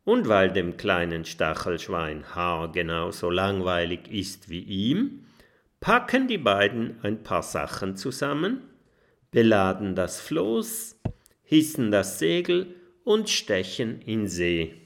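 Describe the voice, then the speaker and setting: A man narrating a children's book in an expressive, storytelling style. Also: low voice, takes it slowly. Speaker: audiobook narrator.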